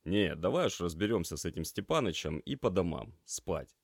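A man voicing a cheerful, energetic young male paramedic trainee who talks briskly and teases his friend. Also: low-pitched, husky, no echo, studio quality, full character voice. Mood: upbeat. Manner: brisk, upbeat and teasing.

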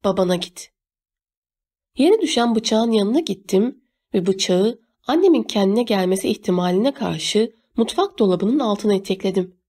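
Mellow-voiced woman narrating a novel. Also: medium pitch, expressive, normal speed, breathy edge. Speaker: audiobook narrator. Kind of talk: first-person novel narration.

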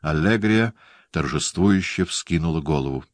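A male audiobook narrator with a very deep voice, reading in a measured, steady way. The sound is close and dry, without any room. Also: dry recording. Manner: measured storytelling. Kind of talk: scripted narration.

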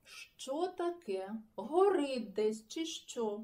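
A woman's voice: on the high side, sing-song, unhurried, mellow. A woman voicing a sleepy, good-natured boy who drawls and grumbles, in a storybook reading. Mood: grumpy sleepy.

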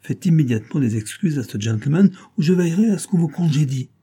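A man's voice: medium pitch, normal speed, mellow, husky, lightly acted. A man voicing a scheming clubman villain who talks in an urgent, pushy way. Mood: threatening.

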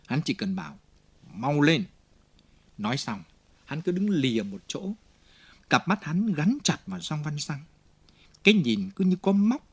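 Expressive, slightly husky male narrator. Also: mid-range voice. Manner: dramatic, expressive reading. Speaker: audiobook narrator. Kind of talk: scripted audiobook narration.

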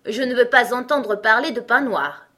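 A woman's voice: a little high, normal speed, bright, forceful tone, voice pushed up. A woman voicing a male unicorn in a storybook reading, offhand, disdainful and bossy.

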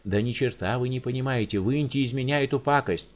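A man voicing a frightened, grumpy middle-aged male patient, speaking low and quiet. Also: a little fast, natural voice. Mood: furious.

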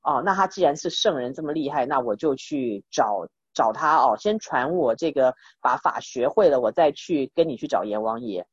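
A woman's voice: a bass voice, animated, moderate pace, few pauses, husky, no echo. A woman teaching a Buddhist text through chatty storytelling full of fillers, in a dull, dry recording. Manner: chatty, many fillers and restarts, addresses listeners. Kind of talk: casual storytelling lesson.

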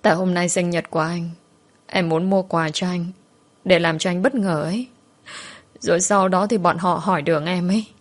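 A woman's voice: on the low side, fairly even intonation, normal speed, close to an everyday voice. A woman reading a polite timid little girl. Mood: tearful.

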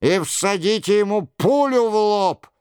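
A man's voice: high voice, expressive, unhurried, smooth, no echo, clean studio sound, pitched above the performer's own voice. A man voicing a commanding guard captain. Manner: shouting orders.

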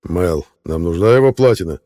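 A man's voice: low voice, expressive, normal speed, mellow, in a large hall. A man doing a curt, commanding sniper. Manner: curt, barked orders. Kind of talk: audiobook character reading.

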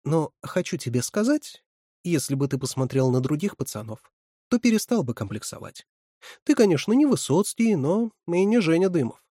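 A woman's voice: sits low, big pitch swings, normal speed, dark tone, dry recording, clean studio sound, voice pushed up. A man doing a stern, bossy camp counselor woman. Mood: scolding. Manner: scolding, commanding.

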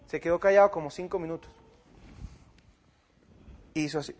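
A man's voice: a little high, moderate pace. A man preaching, retelling an argument with another pastor and quoting both sides of the dialogue. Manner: retells a debate with quoted dialogue, swinging from loud to quiet. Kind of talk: sermon-style storytelling.

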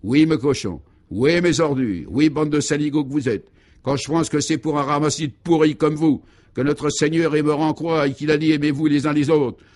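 A man's voice: on the high side, normal speed, a little mellow, pitched above the performer's own voice, natural voice. A man playing a foul-mouthed, grumpy parish priest who rants insults at his flock in a radio comedy. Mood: furious. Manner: ranting, insulting. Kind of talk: 1950s radio comedy acting.

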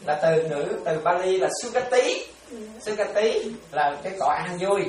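A man, a monk, giving a chatty, animated dharma sermon full of stories and repetitions. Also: sits high, normal speed. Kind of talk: sermon with storytelling. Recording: echoey, distant mic, faint noise.

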